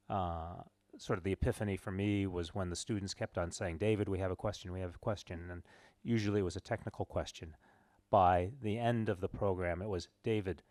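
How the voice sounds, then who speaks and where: A man's voice: low-pitched, a little mellow, no room sound. A man on a conference panel recounting his experience as a program mentor, quoting students as he tells it.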